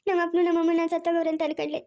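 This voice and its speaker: Woman playing a regretful runaway wife, high voice, flat tone, rushed speech, dark sound. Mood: lamenting. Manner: wailing, self-reproaching. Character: young woman who ran off, full of regret. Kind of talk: amateur family drama.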